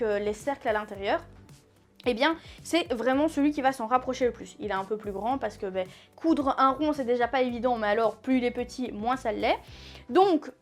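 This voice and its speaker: A high-voiced woman explains beginner sewing projects in a relaxed, chatty way. She fills her sentences with little hesitations and corrects herself as she goes. Soft music plays faintly behind her. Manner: chatty, many fillers and self-corrections. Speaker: sewing teacher. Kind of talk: casual tutorial explanation.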